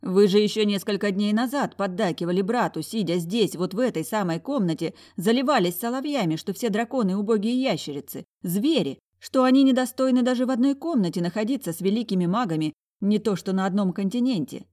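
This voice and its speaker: A woman's voice: mid-range voice, expressive, fairly quick, few pauses, dark tone, pitched above the performer's own voice, natural voice. A woman voicing a stern, proud young heiress in a storybook, with a firm, commanding delivery.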